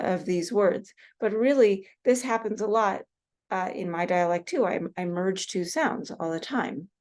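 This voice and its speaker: A woman from Seattle with a US West Coast accent, giving a relaxed recorded lecture with many fillers and slowing down on example words. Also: medium pitch. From Seattle, Washington State, US West Coast. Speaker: teacher.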